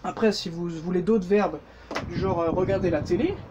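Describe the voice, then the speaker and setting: A man's voice: high-pitched, moderate pace, background noise. A man with a French accent giving a casual, jokey language lesson, full of fillers and self-corrections. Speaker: German teacher.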